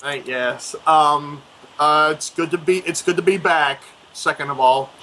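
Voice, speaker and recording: A man on a live radio chat, talking haltingly and stammering often. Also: a little high, fairly even intonation, pushed and bright, slight background noise, poor audio. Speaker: co-host.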